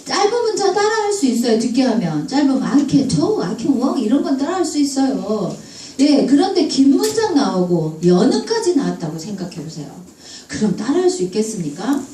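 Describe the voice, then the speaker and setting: A woman giving a lively public English lecture, asking the audience questions and acting out dialect jokes. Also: high-pitched, fairly quick. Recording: echoey room, distant mic, faint room noise.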